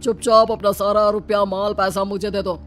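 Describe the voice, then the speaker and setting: A woman's voice: mid-range voice, level tone, normal speed, faint music behind, close to an everyday voice. Woman doing a blustering, chatty male street robber. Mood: threatening. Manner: blustering, bantering.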